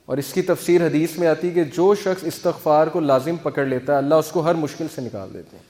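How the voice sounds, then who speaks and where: A man's voice: on the high side, darkish tone. A male teacher giving an earnest, conversational religious talk, explaining with everyday examples and mixing in English words. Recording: long hall reverb.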